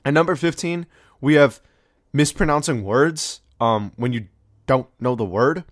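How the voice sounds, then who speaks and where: A young man chats through a countdown of awkward moments in loose slang, full of "like" and "bro". His voice sits at a middling pitch. The room sounds dry, with the mic close up. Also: unhurried, no room sound. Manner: slangy, rambling, with many fillers and mock-quoted voices. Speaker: video host. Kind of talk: casual countdown commentary.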